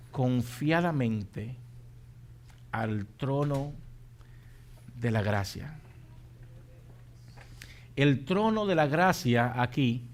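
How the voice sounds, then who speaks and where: A man preaching a sermon as pastor, moving from quiet, measured teaching to shouted, repeated exhortations to the congregation. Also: medium pitch. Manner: repeats phrases for emphasis, calls out to the congregation.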